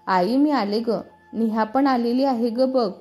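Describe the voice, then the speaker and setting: A sulky young woman bank clerk grumbles in a low, mellow voice, as a woman narrator puts her on. Soft background music plays under this storybook telling. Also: takes it slowly. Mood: cheerful.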